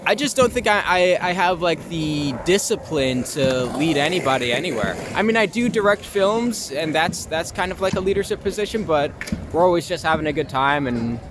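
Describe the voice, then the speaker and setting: Fairly high-pitched and lively, a young American man talks at a moderate clip during a casual street interview. He's from Long Island, New York, works as an actor and filmmaker, and gropes a bit for his answers. Busy city traffic can be heard all around.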